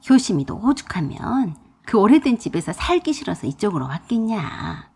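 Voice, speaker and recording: Woman doing a bossy older mother-in-law, slow nagging drawl, husky, lively pitch, radio drama. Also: heavily acted.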